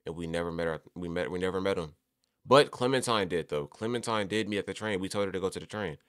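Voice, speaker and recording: A man's voice: low-pitched, fast talker, a bit bright, clean tone, no room sound, studio quality. A young man giving emotional, slang-filled commentary over a story game as a gaming streamer. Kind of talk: casual gameplay commentary.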